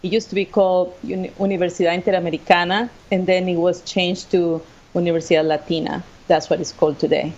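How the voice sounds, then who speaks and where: She talks fast on the low side, her tone level and darkish, and the recording is muffled. As an interview guest, this Costa Rican assistant professor of sports management, a native Spanish speaker with a local accent, shares her own story conversationally.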